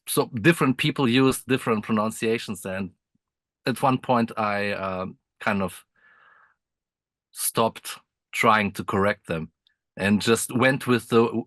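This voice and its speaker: A Croatian composer joins a casual interview as the guest over a video call from his motorhome, friendly and laughing often, with many restarts and fillers. His voice is on the low side, unhurried and sharp in tone, and the recording is dry.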